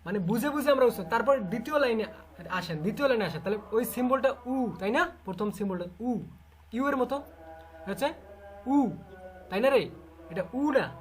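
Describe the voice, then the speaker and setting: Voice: mid-range voice, lively intonation, moderate pace, long pauses. A teacher with a Bangladeshi Bengali accent giving an online class, repeating sounds over and over and quizzing students. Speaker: English literature teacher.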